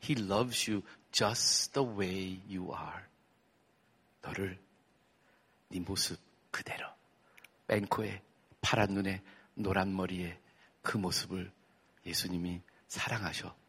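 A man voicing a gentle, patient mother who speaks softly and slowly to comfort her crying son. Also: deep voice, fairly even intonation, creaky, husky, voice pushed down, full character voice. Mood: tender. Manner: soft, slow, hushed tenderness.

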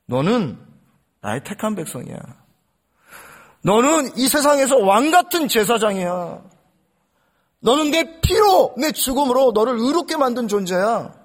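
A man's voice: very high-pitched, very animated, measured pace, long pauses, heavily acted. A man voicing a tender, affirming God. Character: loving male God, reassuring father.

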